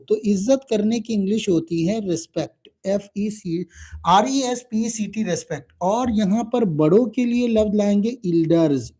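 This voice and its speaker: High-pitched male teacher. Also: warm tone. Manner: spells words letter by letter, drills phrases slowly. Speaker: English teacher. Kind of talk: live online lesson.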